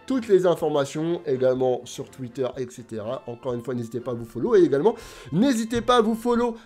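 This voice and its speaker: Male video host, casual and animated, talks right to the audience, slightly high voice. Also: fast talker, faint music behind. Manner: chatty, animated, addresses viewers directly. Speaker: YouTube host.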